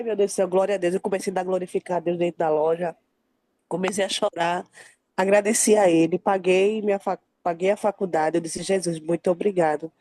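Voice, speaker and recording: A woman's voice: mid-range voice, no echo. A young woman sharing a faith testimony, acting out the voices of the people in her story. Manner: lively storytelling, acting out quoted dialogue. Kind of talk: emotional faith testimony in a group call.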